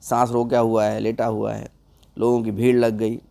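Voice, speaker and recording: A man's voice: on the low side, monotone, moderate pace, gravelly, mellow. A man narrating a comic folk tale in a loose, conversational way, addressing his viewers. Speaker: storyteller.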